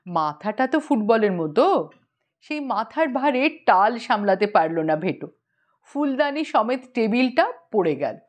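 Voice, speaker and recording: A woman narrating a humorous short story for an audiobook, measured and expressive. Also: a little high.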